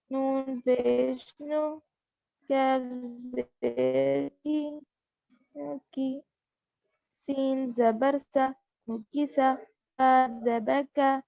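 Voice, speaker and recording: Slow, high-voiced woman teaching recitation. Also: gravelly, a little mellow, no room sound, highs cut off. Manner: spells each syllable slowly, then explains in quick asides. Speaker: Quran reading teacher. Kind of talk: slow drilled lesson recital.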